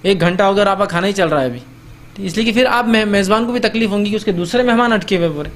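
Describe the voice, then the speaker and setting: Male religious lecturer, high pitched, chatty delivery that acts out exchanges and keeps checking in with listeners, faint background noise. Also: fast. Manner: conversational, acts out host-guest exchanges.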